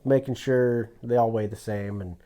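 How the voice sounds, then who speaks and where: A man's voice: mid-range voice, fairly even intonation, normal speed, dark tone. A man telling a hunting story in casual podcast chat, acting out the lines he quotes. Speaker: guest telling hunting stories.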